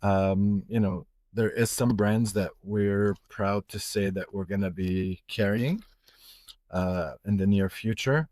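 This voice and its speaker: A man's voice: fairly low pitch, steady tone, slow, darkish tone, no echo. A middle-aged man from Egypt, a watch retailer, talking casually in a podcast interview with many fillers and restarts.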